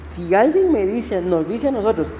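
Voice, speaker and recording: Man, pastor, conversational sermon, mellow tone, long hall reverb. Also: high voice, very animated, slight background noise. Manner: conversational preaching, often slowing to read verses aloud. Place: church.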